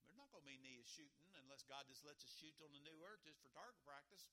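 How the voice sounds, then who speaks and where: A man's voice: fairly high pitch, fast, sharp tone, slight background noise. A man preaching a sermon in a folksy way, repeating words and chuckling between points. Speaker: pastor.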